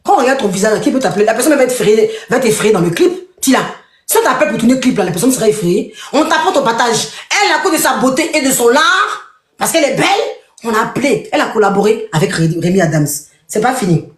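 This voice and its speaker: A woman's voice: on the high side, sing-song, fast. Mocking woman ranting in an echoey room. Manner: mocking, repetitive, addresses a rival directly. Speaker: online commentator. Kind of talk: live video rant.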